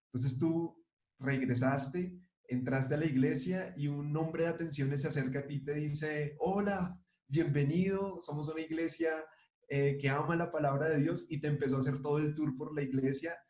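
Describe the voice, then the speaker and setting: A man interviewing a guest, asking questions in a halting, friendly way with many fillers. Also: fairly high pitch, fairly even intonation, darkish tone. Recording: echoey, dull lo-fi room sound.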